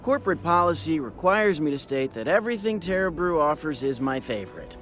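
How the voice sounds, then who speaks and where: A man voicing an overly smooth, polite male robot barista in a video game, speaking in courteous, scripted customer-service patter. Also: fairly high pitch, big pitch swings, fairly quick, a bit bright, faint music behind. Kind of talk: video game character dialogue.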